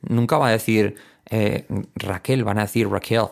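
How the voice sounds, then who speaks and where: A man from teaching English pronunciation, explaining in casual speech and repeating example words slowly. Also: lowish voice, fairly even intonation, vocal fry. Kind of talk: spoken language lesson.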